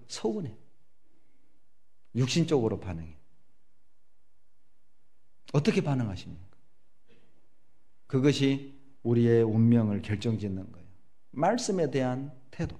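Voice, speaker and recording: Animated middle-aged Korean pastor preaching. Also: male voice, mid-range voice. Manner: animated storytelling, acting out prayers and voices. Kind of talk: sermon.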